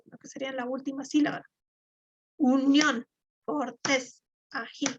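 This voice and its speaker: A woman, teaching a live online class and explaining step by step with fillers and repeated words. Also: sits high. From Ecuador. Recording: dull lo-fi.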